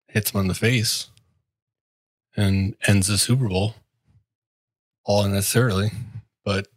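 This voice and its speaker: A man with a husky, low voice riffs sarcastically on a sports podcast. His sound is dry and close, and his tone stays wry and grumbling. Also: dry recording. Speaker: podcast co-host. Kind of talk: casual sports podcast chat.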